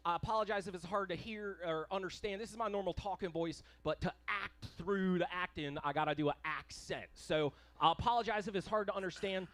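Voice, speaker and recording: Cast a bright, high-voiced male emcee, upbeat and rambling, talking to a venue crowd on a handheld mic. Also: brisk, hardly any pauses, dry recording. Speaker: event host. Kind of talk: live event emceeing. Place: live music venue. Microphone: handheld microphone.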